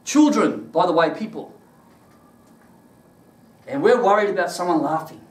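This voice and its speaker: A man preaching a sermon and telling his own testimony, animated and laughing through his stories. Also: high-pitched, normal speed. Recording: echoey room, mic at a distance.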